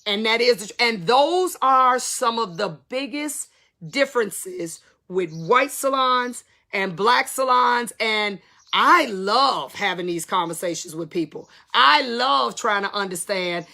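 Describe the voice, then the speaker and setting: Woman in her fifties, gravelly fry, candid and emphatic, casual talk to viewers. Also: a little high, animated, slow, pushed and bright. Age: 50s. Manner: candid, emphatic, conversational slang. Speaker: salon business educator.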